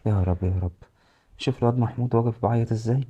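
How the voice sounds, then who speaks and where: A man with an Egyptian accent playing a gentle, resigned grandfather who talks in a soothing, consoling way. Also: mid-range voice, very fast, breathy edge, highs cut off, close to an everyday voice. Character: older widowed-in-law grandfather, gentle and resigned.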